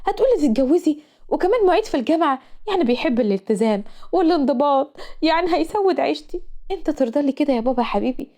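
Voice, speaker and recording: A woman plays a sulky, whiny young female student with an Egyptian Arabic accent, dramatically exaggerating her complaints. Her high voice is expressive and mellow, delivered rapid-fire.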